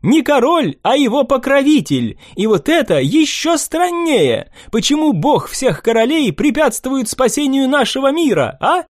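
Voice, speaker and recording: A man voicing a sly young male prince with a high, pointed, questioning manner. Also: very animated, a little slow, few pauses, dry recording, clean studio sound, exaggerated voice. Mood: suspicious. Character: young smooth-cheeked prince, sly, probing.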